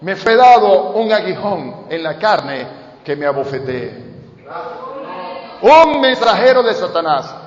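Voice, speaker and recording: A man preaching a sermon, swinging from loud shouts to quiet storytelling. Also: sits high, very animated, slow, long pauses. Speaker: pastor. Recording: echoey hall, dull sound.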